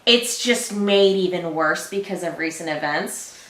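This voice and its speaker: A woman's voice: lowish voice, measured pace, echoey room. A woman co-hosting a reaction show, chatting casually and laughing often. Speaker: reaction channel co-host. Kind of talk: casual chat.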